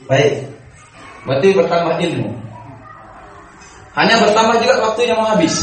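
A man giving a religious study lecture, explaining grammar step by step and quizzing his audience with short checks, chuckling often. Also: high voice. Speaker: Islamic religious teacher. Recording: very echoey room, voice from far off, faint background noise.

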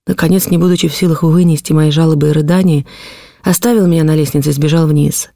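A woman's voice: deep voice, fairly even intonation, fast, gravelly, mellow, dry recording, clean studio sound. A woman reading a classic novel aloud as an audiobook, narrating in the first person with feeling.

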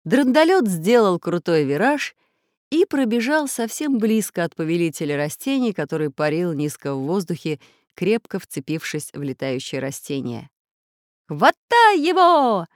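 A woman narrating a children's storybook in an expressive, animated reading voice. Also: lowish voice, normal speed, no echo, studio quality.

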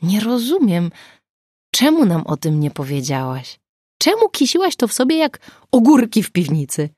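A woman's voice: lowish voice, steady tone, moderate pace, a little mellow, no echo, studio quality, close to an everyday voice. Nina, a reproachful emotional friend, read by a woman.

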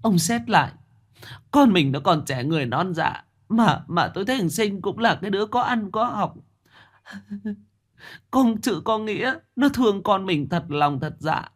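Man doing terrified village wife in a story, high tearful pleading. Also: expressive, measured pace. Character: frightened middle-aged wife begging her husband.

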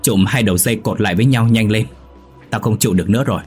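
A man voicing a dying father who strains to shout urgent orders. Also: on the low side, racing, soft background music, lightly acted.

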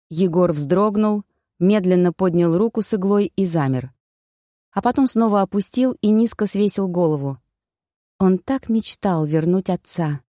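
A woman narrating a first-person audiobook in an even storytelling manner. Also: fairly low pitch, no room sound, studio quality.

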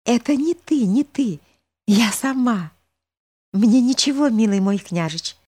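Bright breathless young girl, high and eager, voiced by a woman reader. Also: animated, measured pace, breathy edge. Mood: pleading. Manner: breathless, pleading, high-spirited. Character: playful excitable young girl.

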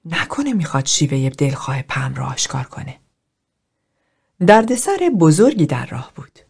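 A woman with a low voice reads a psychological novel aloud. Her pitch moves in a lively, expressive way, and the reading stays steady and measured. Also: creaky, breathy edge. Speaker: audiobook narrator. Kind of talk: scripted novel narration.

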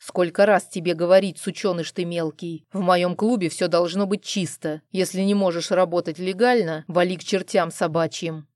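Lady reading a bossy growly husband, quick temper, dry close sound. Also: on the low side, fairly even intonation, a little mellow, no room sound, lightly acted. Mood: angry. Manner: growling, commanding. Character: protective, hot-tempered young husband and club owner.

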